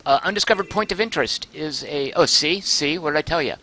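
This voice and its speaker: A man streaming a game live, chatting excitedly, thinking aloud and reading chat messages aloud, close to his microphone. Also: fairly high pitch, quick pace, slight background noise. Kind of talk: live gameplay commentary.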